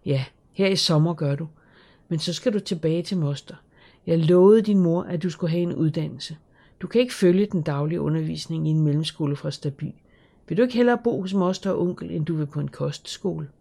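A narrator voicing a gentle, caring middle-aged father in an audiobook, speaking earnestly and reassuringly. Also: fairly high pitch, vocal fry. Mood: tender. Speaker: audiobook character.

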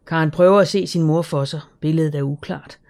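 A woman calmly narrating a children's story in a measured, scripted reading. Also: low-pitched. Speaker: audiobook narrator.

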